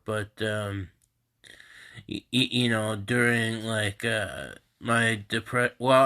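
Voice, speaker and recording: Slow, congested man rambling on a live stream. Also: fairly low pitch, bright, forceful tone. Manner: halting and rambling, many restarts. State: congested, stuffy nose. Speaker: host of a live group stream. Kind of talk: casual live-stream talk. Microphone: phone camera.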